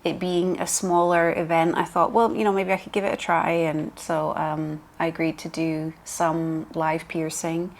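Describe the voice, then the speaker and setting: A woman's voice: deep voice, little pitch movement, a little slow, hardly any pauses. A woman co-hosting a podcast as a professional piercer, explaining steadily with frequent ums. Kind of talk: casual chat.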